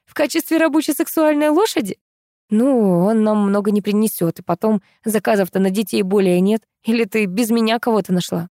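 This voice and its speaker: A woman voicing a sharp-tongued, sarcastic young woman in an audiobook. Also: medium pitch, fairly even intonation, fairly quick, hardly any pauses, no echo, studio quality, natural voice. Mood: needling. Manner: needling, sarcastic.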